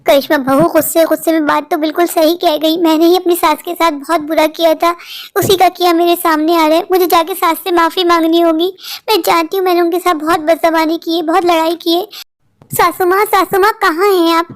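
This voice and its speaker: A woman doing a shrill nagging mother-in-law. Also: level tone, a little fast. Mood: remorseful, then pleading. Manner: scolding, shouting for the daughters-in-law, complaining. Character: nagging scheming older mother-in-law, sharp-tongued. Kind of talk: cartoon voice acting.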